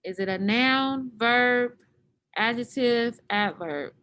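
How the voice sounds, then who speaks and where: A woman's voice: on the high side, slow pace, fairly bright tone. Patient woman teaching an online class. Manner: patient, explains step by step.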